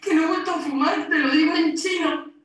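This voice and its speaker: A woman's voice: very high-pitched, steady tone, brisk. A harassed woman from Spain. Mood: weary. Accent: Spain Spanish. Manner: tense, pleading, exasperated. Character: harassed woman arguing with her ex over the intercom. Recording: echoey distant playback in a hall.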